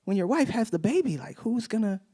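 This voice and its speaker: A man's voice: sits high, sing-song, brisk, mellow, voice pushed up. A man voicing a puzzled, nosy female coworker in a slightly raised voice.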